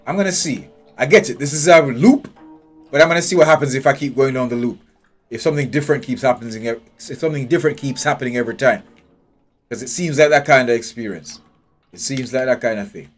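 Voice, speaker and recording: A male game streamer with a medium-pitched voice talks fast during live gameplay commentary, sounding blunt and profane as he thinks aloud, nitpicks, and questions everything. He uses headphones and a desk mic, with faint game music in the background.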